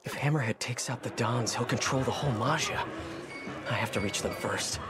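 A man's voice: medium pitch, fairly quick, over music, lightly acted. A young man with an American accent acting a wisecracking, earnest young masked superhero in a video game. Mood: focused.

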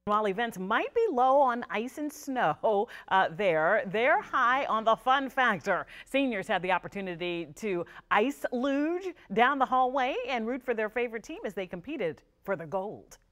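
A woman reporter reads a scripted news story with an upbeat, bright delivery. Her voice sits a bit high for a woman. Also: animated, normal speed, few pauses.

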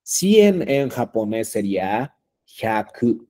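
A man's voice: fairly low pitch, very animated, slow pace, mellow. A man teaching a language class, patient and repetitive, with many fillers and check-ins. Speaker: Japanese teacher.

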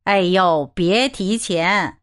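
A woman voicing an older, gentle gentleman who chuckles and speaks slowly and softly in an audiobook. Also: mid-range voice, clear, resonant tone. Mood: mild chuckling. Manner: slow, soft, chuckling.

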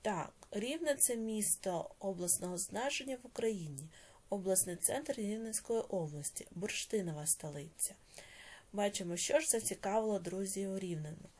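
A woman teaching a primary school language lesson, dictating words slowly and then explaining quickly, often dropping to a whisper at phrase ends. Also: mid-range voice, lively intonation, a little mellow. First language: Ukrainian.

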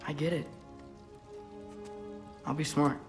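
An actor voicing an earnest, determined teenage boy hero in a video game cutscene, speaking slowly and carefully. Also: on the high side, flat delivery, music in the background.

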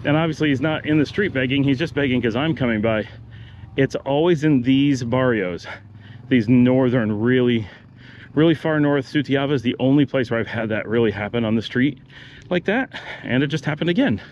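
A middle-aged man with a mid-range voice casually narrates a walking tour at normal speed, pointing out houses and shops as he strolls neighborhood streets outdoors. He's a relaxed vlogger, and the audio is dull with a little hiss or hum.

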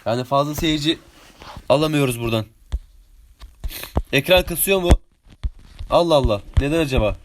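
An excitable young man of 18 doing live gameplay commentary. He has a fairly high voice, chats with his viewers between rounds and bursts into yelps and pleading whenever an opponent closes in. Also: normal speed, pauses often, slight background noise. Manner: excitable, chatty, yells at opponents, hums sound effects. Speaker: game streamer.

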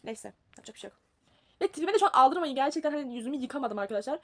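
A woman's voice: high voice, expressive, very fast, no echo. A young woman, rambling and teasing herself as she films a casual packing vlog. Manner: chatty, rambling, self-mocking. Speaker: vlogger.

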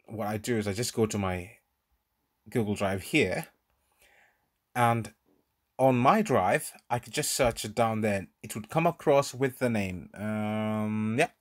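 A man's voice: lowish voice, unhurried. A man narrating a screen recording tutorial, explaining step by step in an informal way. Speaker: tutorial presenter. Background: voice-over on a screen recording.

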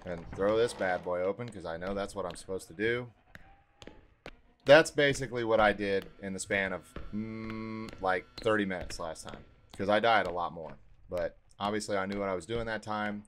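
A man's voice: fairly low pitch, moderate pace, fairly bright tone, a little hiss or hum. A man giving crude, profane, jumpy commentary while playing a horror video game. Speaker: gaming YouTuber.

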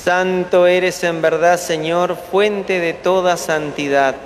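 Priest, male. High-pitched, formal delivery of prayers, ringing in a big echoing cathedral. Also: fairly even intonation, slow pace. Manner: solemn, formal. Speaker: priest celebrating Mass. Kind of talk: liturgical prayer, read solemnly. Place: large stone basilica during Mass. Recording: echoing cathedral, noisy, from far off.

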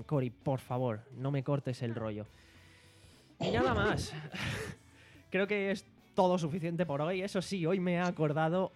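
A young man with a Spanish accent from Spain hosts a casual podcast from a living-room studio, where he also works as sound technician. His voice is slightly high and a little mellow. Speaking into a desk microphone on a stand, he rambles, jokes, and mocks himself.

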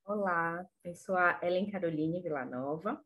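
A young woman from northern Brazil pitching her small online shop on a video call, earnest, with many restarts and fillers. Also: normal speed, fairly bright tone, slight background noise. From Pará, Brazil. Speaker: entrepreneur pitching her business. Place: home office room.

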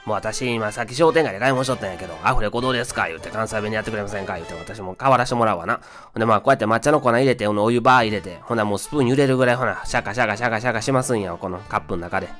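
A man's voice: on the low side, very fast, few pauses, a bit bright, natural voice. A man voicing a chatty, nosy middle-aged auntie from Osaka, rambling bluntly in a thick Kansai accent as a comic voice-over. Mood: nosy, teasing. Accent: Osaka Kansai dialect. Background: faint music.

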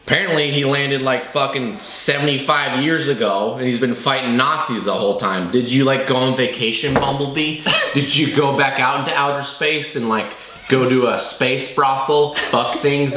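A man's voice: mid-range voice, normal speed, noisy background. A man in his thirties, tipsy and exasperated, delivering a profane comedic rant as a movie review host in a room. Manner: tipsy from drinking during the review. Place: small indoor bar-style set with brick wall. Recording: roomy, echoey indoor sound.

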